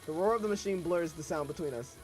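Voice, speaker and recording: A young man reads a first-person novel aloud, stopping now and then for irreverent, joking asides. He talks fast in a slightly high, somewhat mellow voice, with faint music in the background.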